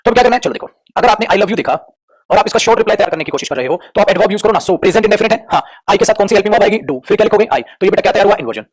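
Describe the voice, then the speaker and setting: Man, English grammar teacher, online lesson, rapid delivery, husky voice, affectionate, coaxing. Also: high-pitched, expressive. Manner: affectionate, coaxing, addresses students as children.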